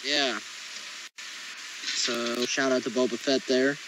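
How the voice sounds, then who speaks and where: A man's voice: medium pitch, little pitch movement, slow pace. A man co-hosting a casual show, teasing his partner and chatting easily about a film trailer. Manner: easygoing, teasing, soft-spoken asides. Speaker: podcast co-host. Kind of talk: casual chat over a trailer. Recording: noisy home recording with hiss.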